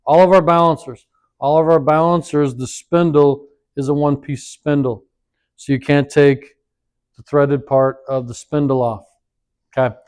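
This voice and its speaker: A man's voice: fairly high pitch, fairly even intonation, moderate pace, a little mellow, clean tone. Man thinking aloud in a workshop demo. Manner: rambling, thinks aloud while working. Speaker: equipment trainer. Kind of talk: hands-on demonstration.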